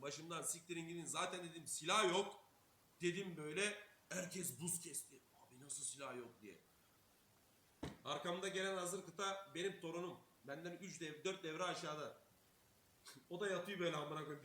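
A young streamer with a high, sharply bright voice tells a story with lots of swearing, acting out what each person said. The room is echoey. A faint hiss sits under the voice. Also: male voice. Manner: swears constantly, acts out quotes, laughs while telling. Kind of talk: casual storytelling. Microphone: streaming mic.

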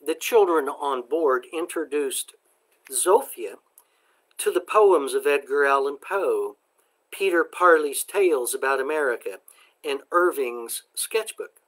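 A man presenting a book discussion, summarizing and reading passages aloud in a slow, measured way. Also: on the high side, animated, fairly bright tone. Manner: slow, deliberate, measured delivery.

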